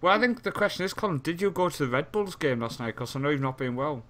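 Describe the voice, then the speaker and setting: A man's voice: on the high side, animated, quick pace, fairly bright tone. A young man from Europe co-hosting a casual podcast chat, joking and rambling, laughing often. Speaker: podcast co-host.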